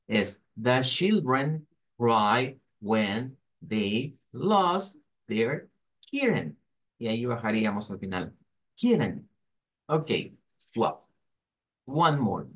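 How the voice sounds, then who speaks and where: Slow-speaking man teaching a pronunciation class. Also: medium pitch, fairly bright tone. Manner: slow, deliberate, models English words and sentences between Spanish explanations. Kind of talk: online class.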